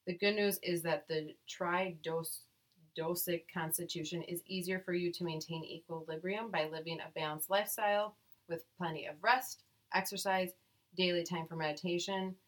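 A woman with a fairly low voice co-hosts a podcast in casual chat. She reads text aloud and breaks off into playful, cursing jokes. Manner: playful, profane, jokey asides. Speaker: podcast co-host.

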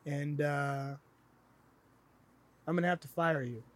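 A man guesting on a casual chat, an actor who talks easily with many pauses and fillers. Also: on the high side. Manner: easygoing, many "uh"s, spells things out slowly.

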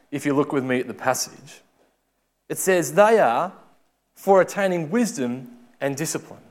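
A man with a lisp giving a sermon, teaching from scripture in a conversational, informal way. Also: on the high side. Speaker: preacher giving a Bible talk.

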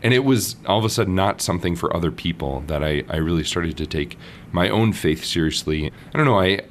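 A man's voice: deep voice, expressive, brisk, slight background noise. A man from Minnesota, a priest and podcast guest, telling stories casually and acting out the voices he quotes with laughs. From Minnesota, United States. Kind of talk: casual storytelling interview.

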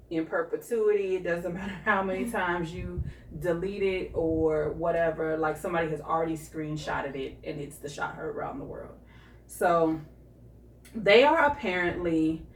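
A woman's voice: on the low side, slight background noise. A woman co-hosting a casual chat, recapping gossip with shady asides. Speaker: podcast co-host. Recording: echoey room, far from mic.

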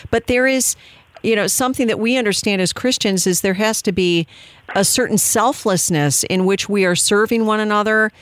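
A man hosts a radio interview and asks earnest, thoughtful questions. His voice sits high. It is recorded close and dry in a studio. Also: normal speed, fairly bright tone, clear, resonant tone, dry recording. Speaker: radio host.

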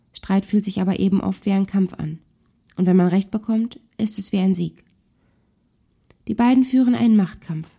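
A woman reading a scripted narration and commenting calmly and reflectively on relationships. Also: mid-range voice, gravelly. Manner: calm, reflective, explanatory.

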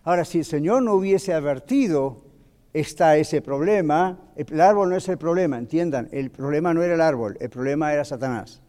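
A man's voice: a little high, brisk. A man teaching a Bible class in a conversational way, telling stories and asking his listeners questions. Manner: animated storyteller, asks the audience questions. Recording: long reverb of a hall.

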